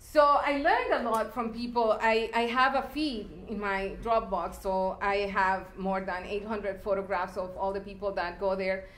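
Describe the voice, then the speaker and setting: A woman's voice: medium pitch, fairly even intonation, measured pace, few pauses, a bit bright, a little hiss or hum. A woman from El Salvador giving a public talk about her art installations, speaking reflectively with fillers and restarts. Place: lecture hall. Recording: echoey lecture hall.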